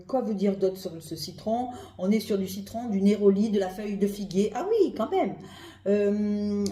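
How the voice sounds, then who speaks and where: A woman talks in an echoey room with a mellow, rounded voice at a middling pitch. She chats informally as a reviewer, thinking out loud. Her phrases often repeat or trail into a new start. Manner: informal, conversational, often repeats herself and breaks off mid-phrase. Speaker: perfume reviewer. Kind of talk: casual rambling chat review, thinking aloud. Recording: roomy, echoey sound.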